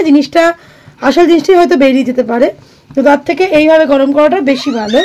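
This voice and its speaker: A high-pitched woman talks through her evening at home for a family vlog. She is chatty and explains each step to her viewers as she goes. The recording is a plain, clean home recording. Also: darkish tone. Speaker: vlogger and mother. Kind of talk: casual family vlog chat. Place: home, indoors.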